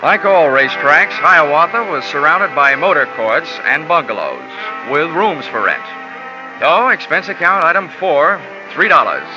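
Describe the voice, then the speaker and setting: This hard-boiled insurance investigator, both lead and narrator of an old radio drama, is voiced by a man with a slightly high voice and big pitch swings, speaking a little slowly. His delivery is dry and wisecracking, heard through a dull, lo-fi vintage broadcast with music.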